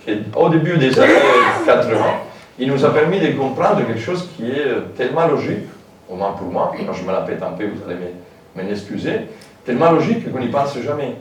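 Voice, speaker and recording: A man's voice: mid-range voice, expressive, moderate pace, slight background noise. Male lecturer, casual, hesitant asides, distant mic in an echoey hall. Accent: French with a foreign lilt. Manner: informal, hesitant, many fillers and asides. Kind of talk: public lecture.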